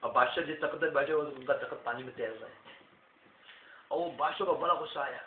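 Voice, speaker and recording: A man tells a folk tale at home in a lively, chatty manner. His voice has a middle pitch and comes through a thin, phone-like recording that echoes in the room, with a faint hiss behind. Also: quick pace. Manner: lively, chatty, addresses listeners as "bhaiya". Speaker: family storyteller. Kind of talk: casual folk tale telling.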